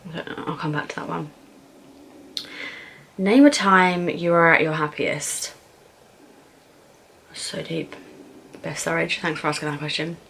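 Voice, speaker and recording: A young woman with a British accent and a slightly low voice. She talks casually and frankly, as in a vlog answering questions over food, pausing to think aloud as she goes. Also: gravelly, a bit bright, slightly rough, rough recording. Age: young adult. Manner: informal, frank, thinking aloud with pauses and swearing. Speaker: vlogger answering viewer questions. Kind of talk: casual chatty Q&A while eating.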